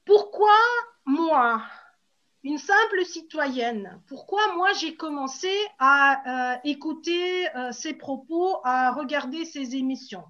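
Russian lady, high voice, slow n hesitant but emphatic explaining stuff, kinda muffled lo-fi audio. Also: fairly bright tone. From Moscow, Russia. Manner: hesitant, emphatic, repeats key points. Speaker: ordinary citizen giving testimony in a panel discussion. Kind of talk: spontaneous explanatory discussion. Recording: dull lo-fi sound.

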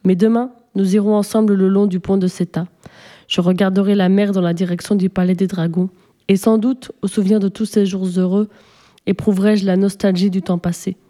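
A woman's voice: mid-range voice, level tone, a little fast, dark tone, lightly acted. A woman voicing a grateful male shark-man sea creature from a storybook, speaking in an earnest, reproachful way.

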